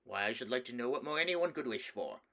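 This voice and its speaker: A man's voice: mid-range voice, lively intonation, normal speed, fairly bright tone. Man performing a middle-aged king, storybook uncle, stern, brusque, condescending, commanding.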